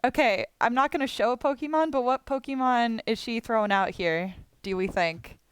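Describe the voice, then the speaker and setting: A woman with a slightly high, clean voice speaks at a moderate pace, without any room sound. Drawing viewer requests live, she chats and rambles casually, often laughing and tossing in offhand swears.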